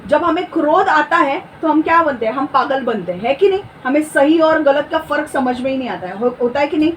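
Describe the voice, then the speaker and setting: A woman teaching a Bible lesson. She keeps asking her listeners whether they understand and reads verses slowly and with emphasis. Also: high voice, lively intonation. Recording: distant mic with faint background noise.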